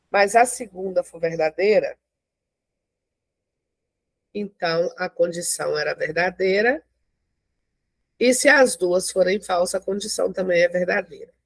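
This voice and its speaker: In a dry recording, a woman with a mid-range, animated voice teaches a math lesson. She explains slowly, step by step, and keeps checking in with her listeners throughout the classroom lecture.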